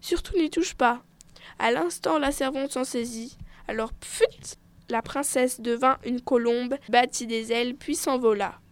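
A woman reading a fairy tale aloud in an expressive, measured storytelling manner. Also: a little high, clear, resonant tone.

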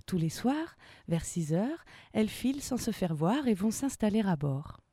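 A woman reading a children's story aloud in a slow, expressive way. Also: mid-range voice, no room sound, clean studio sound.

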